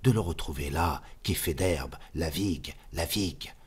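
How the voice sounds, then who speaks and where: A man giving an expressive, dramatic audiobook reading of a novel. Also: rumbling low, a little slow, slightly rough. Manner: expressive, spoken cadence. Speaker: audiobook reader.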